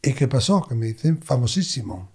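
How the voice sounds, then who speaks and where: A man, a medium, telling expressive stories as an interview guest. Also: medium pitch, a little fast, husky. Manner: expressive, animated anecdotes. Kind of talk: conversational storytelling.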